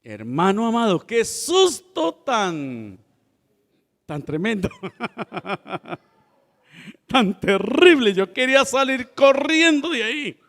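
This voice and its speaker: High-pitched guy preaching, tells stories, does little voices, church reverb. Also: big pitch swings, slow pace, pauses often, fairly bright tone. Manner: storytelling with laughs and acted-out voices. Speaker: pastor. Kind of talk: sermon.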